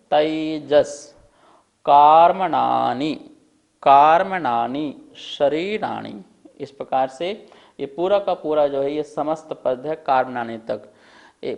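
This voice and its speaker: A man teaching a scripture lesson at a board, slowly and deliberately drilling the pronunciation of each word. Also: medium pitch, darkish tone. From India.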